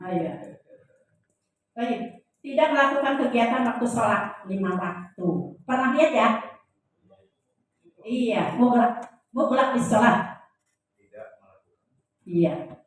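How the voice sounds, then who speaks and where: A woman's voice: on the high side, slow pace, pauses often. A woman lecturer teaching a class in a joking way, quizzing her audience with questions. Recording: very echoey room, voice heard from a distance.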